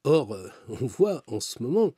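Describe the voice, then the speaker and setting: A man talking casually about astrology and tarot, conversational and hesitant with many fillers, slipping into lively quoted asides. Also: mid-range voice, measured pace, breathy edge, no room sound, clean studio sound.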